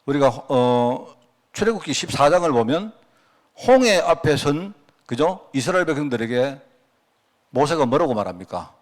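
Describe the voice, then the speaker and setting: Male pastor, middle-aged, mid-pitched voice, relaxed conversational sermon delivery. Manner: conversational, rhetorical questions, acts out quoted prayers. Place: church sanctuary.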